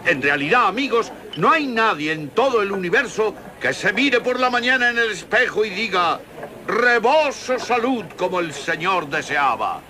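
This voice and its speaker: An actor playing a grandiose middle-aged huckster in a dubbed western film, giving a theatrical carnival barker sales pitch. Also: male voice, very animated, normal speed, pushed and bright, heavily acted. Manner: grandiose, theatrical speech-making. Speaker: travelling tonic salesman.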